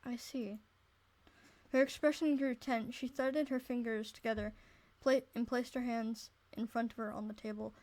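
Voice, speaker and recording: A woman's voice: on the high side, steady tone, moderate pace, darkish tone. A woman reading a visual novel aloud, stumbling over words and breaking off to joke and swear. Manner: reads aloud with many restarts, breaks off to comment and swear. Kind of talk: casual let's-play narration and chat.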